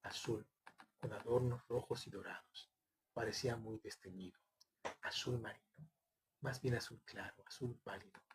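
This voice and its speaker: A man voicing a distraught, grieving mother who answers haltingly and blames herself. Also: lowish voice, steady tone, vocal fry, a little hiss or hum. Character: distraught mother, middle-aged woman, grieving and self-reproaching.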